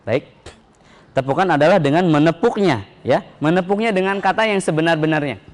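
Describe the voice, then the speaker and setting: A man's voice: a little high, a little fast. Raised-voice male religious instructor. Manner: explanatory, addresses audience directly. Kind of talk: training demonstration.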